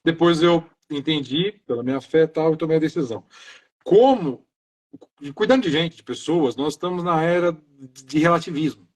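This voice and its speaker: A man's voice: fairly high pitch, moderate pace, darkish tone. A middle-aged man from Brazil, a maintenance engineer, talking earnestly in a casual live interview, stringing his thoughts together loosely. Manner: earnest, talks in loose chains of "então" and "né".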